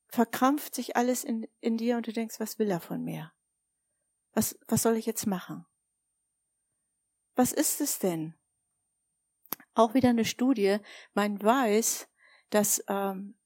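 A woman's voice: on the high side, no echo. A woman preaching a sermon, telling stories and asking her listeners direct questions. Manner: warm, storytelling, addresses listeners directly with questions.

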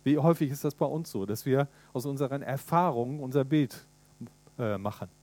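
A man preaching a sermon in a lively way, retelling a story and putting questions to his listeners. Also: mid-range voice, a little fast.

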